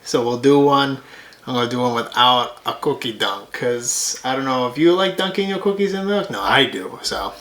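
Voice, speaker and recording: A woman chatting in a relaxed, easygoing way while trying cookies at home for a vlog. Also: extremely low pitch, moderate pace. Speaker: vlogger. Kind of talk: casual home vlog chat. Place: home kitchen.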